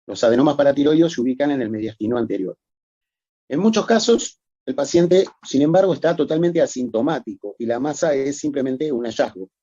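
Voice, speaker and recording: A man's voice: medium pitch, brisk, dark tone, husky, no echo, highs cut off. A man giving a recorded medical lecture, explaining methodically and addressing students formally.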